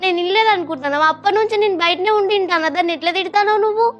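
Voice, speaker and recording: A woman's voice: very high-pitched, rapid-fire, a bit bright, dull audio. An actress with a Telangana Telugu accent playing a distressed young daughter who reproaches her drinking father. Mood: reproachful. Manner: reproachful, urgent. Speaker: actress in a family web drama. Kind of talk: dialect family drama acting.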